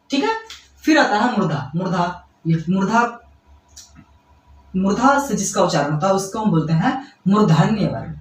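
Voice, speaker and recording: Man, grammar teacher, repeats and checks in with students, animated voice, roomy echo. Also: sits high, distant mic. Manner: explains by repeating, checks in with "ठीक है" and quick questions to students; addresses students fondly as kids. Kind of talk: classroom-style lesson explanation. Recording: echoey room, away from the mic.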